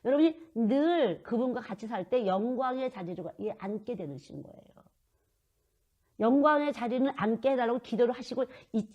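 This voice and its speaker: A woman's voice: fairly high pitch, mellow, lo-fi sound. A middle-aged woman preaching a sermon, earnest and acting out pleading prayers to God. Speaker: children's missionary preacher.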